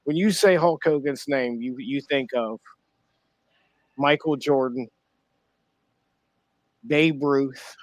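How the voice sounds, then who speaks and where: A man co-hosting a podcast in casual chat, rambling and halting with many restarts and fillers. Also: mid-range voice, no echo. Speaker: podcast co-host.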